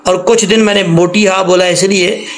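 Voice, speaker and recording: A man's voice: high voice, steady tone, normal speed, slight background noise. A man teaching an online recitation lesson, explaining patiently and repeating points, stretching out syllables to demonstrate pronunciation.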